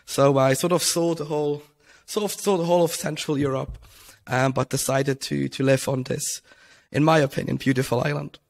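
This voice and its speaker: A young man from Switzerland tells his story in a relaxed podcast interview, circling back with ums and restarts. His voice sits a touch high with a gravelly, creaky texture. He speaks into a headset mic from a room at home. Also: moderate pace. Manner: rambling, many ums and restarts. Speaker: podcast guest. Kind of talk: casual interview talk.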